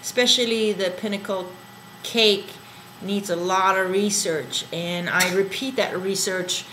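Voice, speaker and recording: A woman in casual conversation, searching for her words with ums and half-finished sentences. Her voice sits at an ordinary pitch, with a faint noise running under the recording. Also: fairly even intonation, unhurried, a bit bright, low-quality recording. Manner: hesitant, trailing off with fillers. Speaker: co-host. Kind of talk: casual chat.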